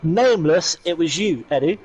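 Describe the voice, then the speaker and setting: A male host with a voice a little higher than most men's. He talks casually and informally, in a matey way, as he runs a league stream. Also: animated, moderate pace, a little mellow, husky. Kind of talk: casual chat.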